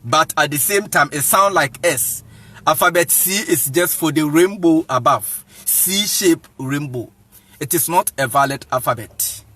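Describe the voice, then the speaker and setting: A Ghanaian evangelist gives viewers a casual teaching talk in a bright, forceful, slightly high voice, switching between English and Akan. He spells words out slowly letter by letter, keeps asking "you see what I'm saying" to check that listeners follow, and chuckles often.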